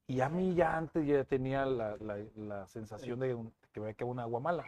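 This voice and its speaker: A man, a TV news presenter being interviewed, telling stories in a lively way with many restarts. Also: medium pitch, brisk. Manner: animated storytelling with frequent restarts. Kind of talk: casual interview chat.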